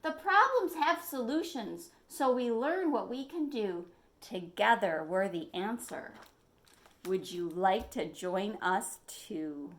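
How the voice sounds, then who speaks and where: Reading to young children at a slow pace, this librarian uses a mid-range voice with lively intonation. Her storytime is animated and expressive, built around questions that bring the listeners into the picture book.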